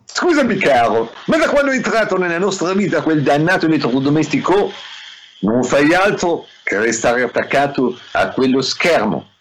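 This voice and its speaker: A man voicing a fussy French wife in falsetto with a fake French accent, in a comic radio sketch. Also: sing-song, normal speed, slight background noise, rough recording. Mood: complaining.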